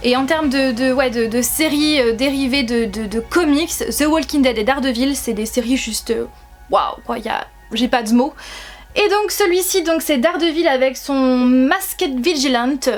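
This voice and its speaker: Young french woman, pretty high voice, gushing about her collection, lots of um and repeats, faint music under it. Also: moderate pace. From France. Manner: enthusiastic, gushing, many hesitations and repeated words. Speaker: YouTuber showing her collectible figures. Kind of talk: casual chat to camera.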